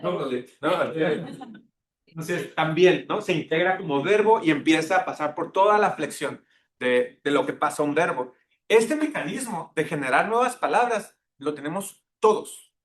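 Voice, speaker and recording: A man's voice: expressive, moderate pace. A man giving a classroom lecture, engaging the class and checking in with tag questions. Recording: echoey classroom with faint rumble.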